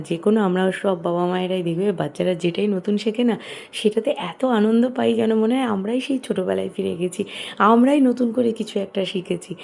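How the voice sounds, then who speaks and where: A woman in her thirties with a Bengali accent, narrating a family vlog voice-over in a soft, chatty way. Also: mid-range voice, gravelly. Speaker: vlogger mother.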